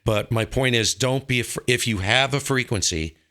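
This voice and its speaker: With a mid-range voice that sounds pushed and bright, this American man from the northern U.S. hosts a ham radio show at normal speed, casually sharing forceful views on radio operating and repeating points to stress them.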